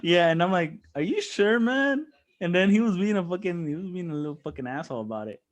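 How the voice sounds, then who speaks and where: A young male podcast co-host with a highish, rapid-fire voice tells a story in casual chat. His storytelling is animated, full of swearing and frequent laughter.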